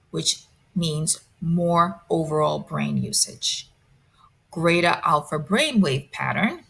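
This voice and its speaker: A woman presenting a lecture, reading a prepared script in a measured, deliberate way. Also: fairly low pitch, gravelly, fairly bright tone.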